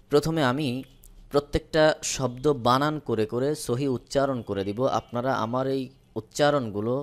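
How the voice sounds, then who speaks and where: Smooth-voiced Bangladeshi Quran teacher. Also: male voice, medium pitch. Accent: Bangladeshi Bengali. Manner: spells out each syllable slowly, then recites drawn out. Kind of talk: step-by-step recitation lesson.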